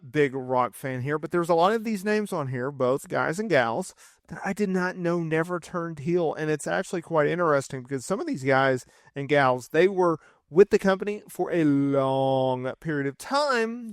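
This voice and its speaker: A man in his thirties hosting a casual wrestling list video, chatty and quick to correct himself. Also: on the high side, dry recording, studio quality. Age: 30s. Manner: chatty, self-correcting, fan enthusiasm. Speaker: wrestling commentary host.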